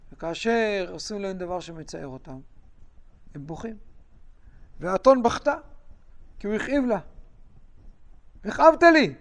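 A man teaching a Bible lesson to a class, telling the story with animated asides to his students. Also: high-pitched, gravelly.

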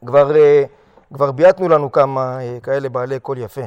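A man teaching a halakha lesson to yeshiva students, animated, often questioning the class and acting out short quotes. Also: mid-range voice, clear, resonant tone, big-room sound, dull audio.

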